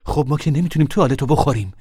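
A man voicing a weary, determined poor mother in a novel reading, low and hushed, sometimes forceful. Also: husky.

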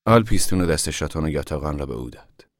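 Super deep guy reading an audiobook, calm, dry close sound. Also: dry recording. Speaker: narrator. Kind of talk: scripted audiobook narration.

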